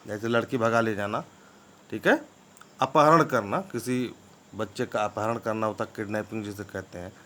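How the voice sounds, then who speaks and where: A man gives an English vocabulary lesson at a mid-range pitch. He spells each word out slowly, letter by letter, and keeps checking that his students are following. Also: fairly bright tone. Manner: spells words letter by letter, often asks "ठीक है ना?".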